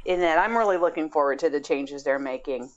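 On a muffled recording, a low-voiced woman talks fairly quickly as a podcast co-host. She chats casually about games, rambling as she searches for the right words.

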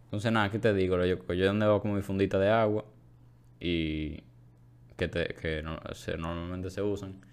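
Low-pitched young Dominican man chatting. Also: fairly even intonation, normal speed, clean tone. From Dominican Republic. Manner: slangy, with English words mixed in. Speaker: podcast co-host. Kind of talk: casual chat with friends.

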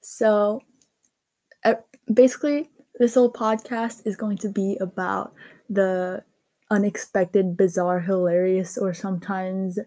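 Teen girl from korea doing a chill podcast, slow and warm, lots of ums and likes. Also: mid-range voice, steady tone. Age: teens. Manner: chatty, lots of fillers like "um" and "like". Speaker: podcast host. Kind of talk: casual solo podcast monologue.

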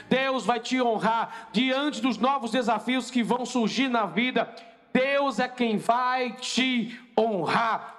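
High-voiced man preaching. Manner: repetitive preaching cadence, rising to shouts. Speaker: pastor. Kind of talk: sermon. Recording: faint music behind the voice.

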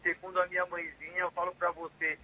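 A man calling in to a radio show, talking in an animated, fervent way. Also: high voice, fast talker, slight background noise, rough recording. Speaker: caller. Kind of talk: phone call to a radio show.

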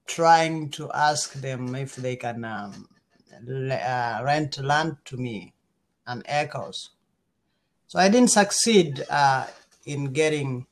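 Appearing as an interview guest, a middle-aged Kenyan-accented man talks in a relaxed way, frequently stopping partway through his sentences. His pitch is medium.

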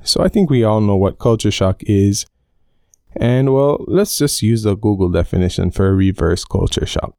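A man in his twenties hosts a rambling solo podcast from under a blanket in his bedroom. His voice is smooth and dry, with no room sound at all. He is hot and sweating under the cover. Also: lowish voice, expressive, normal speed, dark tone, no room sound. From Belize. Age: 20s. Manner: rambling, chatty, self-aware about going off topic. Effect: recorded under a blanket. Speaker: podcast host. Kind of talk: casual solo podcast chat. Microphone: home podcast mic under a blanket.

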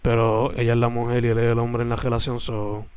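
Male co-host, casual recommendations chat, smooth mid-pitched voice. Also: completely flat delivery, fairly quick, darkish tone, no room sound. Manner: easygoing, mixes in English words. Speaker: podcast co-host.

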